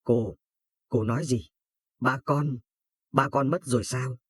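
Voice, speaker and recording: Male narrator doing a stammering, tearful girl of thirteen, husky tone. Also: mid-range voice, steady tone, slow, no room sound, studio quality. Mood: distraught. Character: frightened grieving girl of thirteen.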